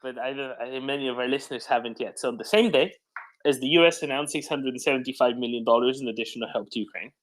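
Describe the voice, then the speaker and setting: A man with a mid-range voice hosts a live news discussion at a quick pace, explaining developments off the cuff and often checking in with "right?". The audio quality is poor, and the talk is unscripted news commentary.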